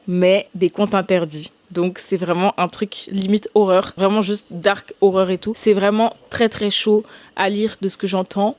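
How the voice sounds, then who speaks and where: A woman's voice: mid-range voice, a little mellow, no echo. A young woman chatting informally and with youthful slang as a book vlogger, talking straight to her viewers. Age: young adult. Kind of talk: casual vlog chat.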